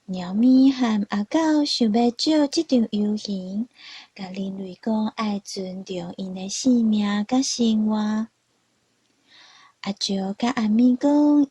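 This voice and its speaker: A woman narrating a children's story in a slow, gentle storytelling manner. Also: medium pitch, breathy edge, no echo, lo-fi sound.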